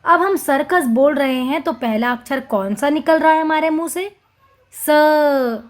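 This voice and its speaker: High-voiced teacher spelling out syllables. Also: female voice, expressive, normal speed. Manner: stretches out each syllable and repeats words. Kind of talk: slow, drawn-out reading lesson for small children.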